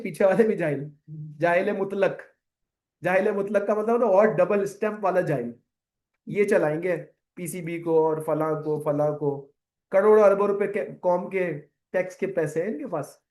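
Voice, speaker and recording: Animated high-voiced male lecturer. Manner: animated, rhetorical questions, mixes English terms into Urdu. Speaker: accounting lecturer. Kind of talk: classroom lecture with side rant.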